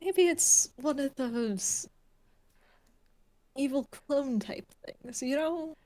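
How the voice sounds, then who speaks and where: High-voiced woman, slow and casual. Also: darkish tone, low-quality recording. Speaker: tabletop role-playing player. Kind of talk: casual game-table chat.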